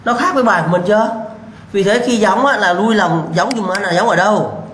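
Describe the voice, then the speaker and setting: Young guy teaching, high voice, keeps asking the class then answering himself, kinda blunt, echoey room. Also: brisk, fairly bright tone. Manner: quizzing students with rhetorical questions, repeating answers; blunt, scolding warnings. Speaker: civil engineering lecturer. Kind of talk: lecture to students. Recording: echoey room with faint background hum.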